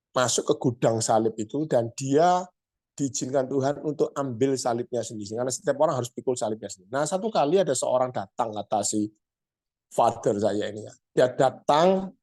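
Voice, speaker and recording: Conversational pastor with an East Javanese accent. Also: male voice, mid-range voice, warm tone. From Surabaya, Indonesia. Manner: conversational, addresses congregation directly. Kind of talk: sermon storytelling.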